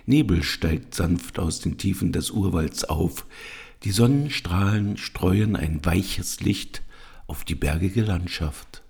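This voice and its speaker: A man calmly reading a first-person story aloud. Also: low-pitched, slow pace, vocal fry, breathy edge. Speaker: narrator.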